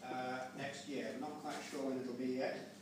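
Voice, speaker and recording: An older man delivers an informal memorial speech in a halting, digressive way. He is picked up from a distance in a very reverberant room, with clear background noise. His delivery is unscripted and wanders between asides. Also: medium pitch, level tone. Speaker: family member giving a speech at a memorial gathering. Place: large echoey room with a gathering.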